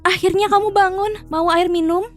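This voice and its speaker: A woman's voice: very high-pitched, fairly even intonation, moderate pace. A woman dubbing a devoted young wife who soothes and teases her injured partner, over music. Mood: soothing. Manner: soothing, teasing. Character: devoted young wife, tender yet stubborn. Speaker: heroine in a dubbed drama. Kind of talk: dubbed drama acting.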